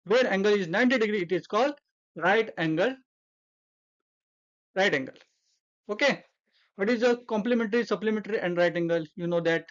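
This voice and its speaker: Indian woman teaching math, very slow. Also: medium pitch, lo-fi sound. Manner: explains slowly step by step, repeats terms, mixes English and Hindi. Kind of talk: classroom math lecture.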